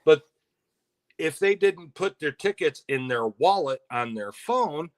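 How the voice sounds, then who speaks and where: A man's voice: fairly high pitch, animated, slow pace. Chatty man with wry asides. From Michigan, USA. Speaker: co-host. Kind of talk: casual live-stream chat.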